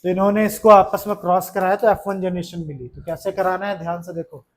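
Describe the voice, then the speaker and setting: एक पुरुष शिक्षक कक्षा में छात्रों को पढ़ा रहा है, बार-बार सवाल पूछता है और मज़ाक में छेड़ता है।. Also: male voice, high-pitched, fairly even intonation, fast. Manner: chatty, keeps asking questions, teasing. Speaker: teacher. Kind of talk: classroom lesson to students. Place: classroom.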